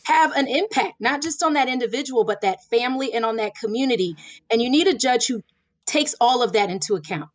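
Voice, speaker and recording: A woman in her forties from Florida, a former prosecutor, answering interview questions in a measured, earnest way with many fillers. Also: on the high side, expressive, no room sound. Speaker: judicial candidate, former prosecutor.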